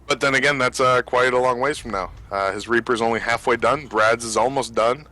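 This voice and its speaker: A man doing live esports commentary in a bright, forceful voice. He breaks down strategy in long explanations, thinking aloud with plenty of ums and uhs. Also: mid-range voice, steady tone, fairly quick, poor audio. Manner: analytical, explains strategy at length with frequent fillers. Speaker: esports caster.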